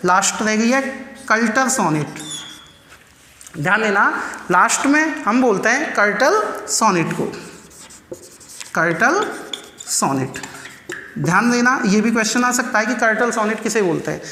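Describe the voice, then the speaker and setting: Male teacher, bright and forceful voice, call-and-response quizzing style, recorded in a reverberant echoey room. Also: high-pitched, expressive, a little hiss or hum. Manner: drills students with repeated rhetorical questions; slow, emphatic counting and spelling out terms. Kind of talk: exam-prep lecture.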